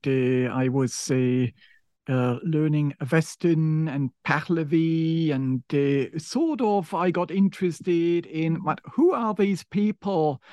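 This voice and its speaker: Man with a non-native English accent, slow, higher pitch, hesitant, dry sound. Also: darkish tone, dry recording. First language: not English. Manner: hesitant, many fillers. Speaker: guest, professor of religion. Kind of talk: interview answers.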